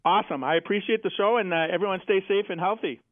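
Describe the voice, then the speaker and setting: A man's voice: high-pitched, quick pace, no echo. An American man explaining things as a financial advisor guest, plain-spoken, with examples and rhetorical questions. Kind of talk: explanatory interview talk. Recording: tinny phone-like radio sound.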